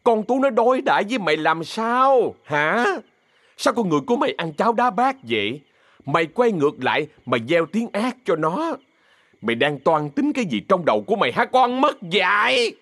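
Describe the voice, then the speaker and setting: A man voicing a fierce older woman who runs a theater troupe, cursing and yelling threats in a Southern Vietnamese accent. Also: medium pitch, expressive, normal speed, no echo, close to an everyday voice. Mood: raging.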